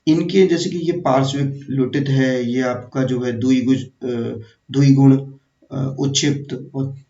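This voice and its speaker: A man teaching an exam-prep grammar lesson, repeating terms slowly and quizzing the viewer. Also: mid-range voice, steady tone, dark tone. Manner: slow, repetitive, quizzing the viewer. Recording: echoey, distant, dull room sound.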